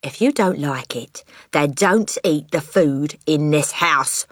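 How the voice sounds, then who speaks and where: A woman's voice: deep voice, slow pace, slightly rough, no echo, clean studio sound, full character voice. A woman voicing a boastful, bullying car-dealer father in a children's storybook, with swaggering, emphatic, slangy delivery. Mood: angry. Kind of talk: children's audiobook character voice.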